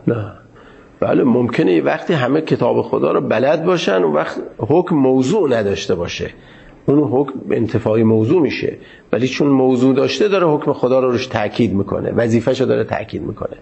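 A man lecturing in a seminary class, with a gravelly, creaky voice. His delivery is formal and measured, and he stops often to search for his words. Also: mid-range voice, lively intonation, darkish tone, lo-fi sound. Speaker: teacher of Islamic jurisprudence.

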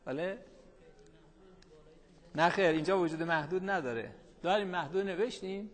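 Lecturing man in a reverberant hall. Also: high voice. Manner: keeps asking students rhetorical questions and answering them; reads out a line of the text, then explains it in colloquial speech. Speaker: teacher. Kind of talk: classroom lecture.

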